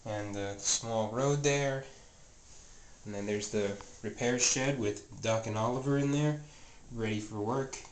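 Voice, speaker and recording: With a fairly low-pitched, stuffy, and slightly scratchy voice, a man narrates a casual tour of his home train room at a measured pace. The toy train vlogger meanders, corrects himself often, and fills gaps with plenty of fillers. He's picked up by a close handheld camera mic, a faint clicking audible beneath him.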